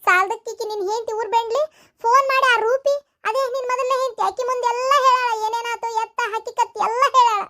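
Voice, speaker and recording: A woman playing a sharp-tongued village mother with a North Karnataka accent who scolds her family with sarcastic taunts. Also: very high voice, steady tone, fast. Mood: scolding. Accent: North Karnataka Kannada.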